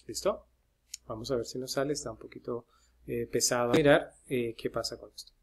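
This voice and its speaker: A man's voice: medium pitch, fairly even intonation, brisk, vocal fry, slightly rough. A man giving a casual screen-share pronunciation lesson, chatty, with many "eh" fillers as he talks to his viewers. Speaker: English pronunciation teacher.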